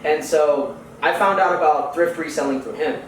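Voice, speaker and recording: A man's voice: fairly high pitch, moderate pace. Laid-back young man in an echoey room. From Houston, United States. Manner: laid-back, slangy, many fillers. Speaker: podcast guest. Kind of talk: casual interview chat. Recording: echoey room, far from the mic, faint noise.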